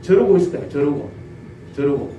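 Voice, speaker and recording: A male pastor with a Gyeongsang accent preaching a sermon, telling the story lively and asking his congregation questions. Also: fairly high pitch, moderate pace, lo-fi sound. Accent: Gyeongsang Korean. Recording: roomy church audio from a distance, faint noise.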